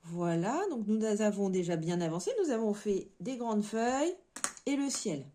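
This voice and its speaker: A woman's voice: mid-range voice, lively intonation, normal speed, warm tone, a little hiss or hum. A woman with a French accent hosting a casual coloring-along, chatting and thinking aloud as she works. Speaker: coloring channel host.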